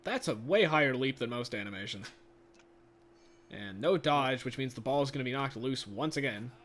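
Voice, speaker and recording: A man doing casual, excitable play-by-play commentary of a video game from home. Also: medium pitch, moderate pace, slight background noise. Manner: chatty, excitable, laughs often. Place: home room.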